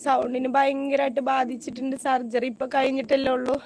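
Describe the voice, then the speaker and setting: Hoarse, agitated high-pitched woman. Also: little pitch movement, brisk, a little mellow. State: hoarse voice after throat surgery. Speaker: YouTuber and widowed mother of five. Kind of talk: emotional video complaint.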